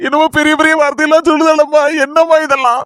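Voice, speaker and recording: A man playing a gentle older brother who keeps pleading with his sister to get up and stop blaming herself, in a homemade family skit. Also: extremely high pitch, flat delivery, rapid-fire, dry recording, clean studio sound. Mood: soothing. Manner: pleading, soothing, repeating endearments.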